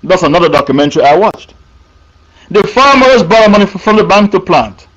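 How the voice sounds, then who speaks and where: A man's voice: sits high, expressive, brisk, fairly bright tone, lo-fi sound. A man preaching a sermon, emphatic and repeating his points for the listeners.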